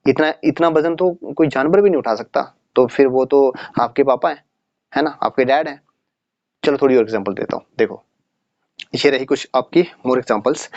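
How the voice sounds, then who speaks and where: Man, casual classroom lesson, reads examples slowly, dry dull audio. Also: mid-range voice, darkish tone, no echo. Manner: chatty, asks students rhetorical questions. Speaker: English teacher. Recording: dry, slightly muffled audio.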